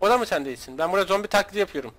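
Gaming host, man from Turkey, high voice, excitable, joking and foul-mouthed. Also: rapid-fire. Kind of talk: casual gaming commentary with a friend.

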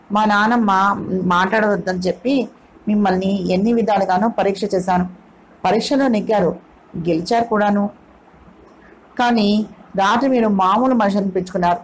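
Lady narrator doing a fiery young woman, quick and indignant, storybook read. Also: mid-range voice, natural voice, rough recording. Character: young woman, hot-tempered and proud.

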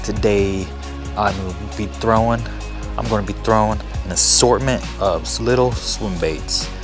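Hyped young man vlogging with a low voice. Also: unhurried, over music. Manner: hyped, slangy, excitable. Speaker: fishing vlog host. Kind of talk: casual outdoor vlog. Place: outdoors on a lake, in a kayak and boat.

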